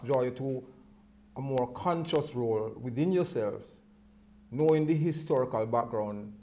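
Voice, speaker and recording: A man with a mellow, relaxed voice, reasoning in Rasta speech. He teaches in an earnest, preachy way, deliberate and sometimes repeating himself. There is some ambient noise behind him. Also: medium pitch. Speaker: interviewee, Rastafari speaker.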